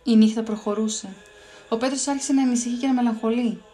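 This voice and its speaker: A woman reading a Bible story aloud for children in a clear, expressive storytelling voice. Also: on the high side, slight background noise.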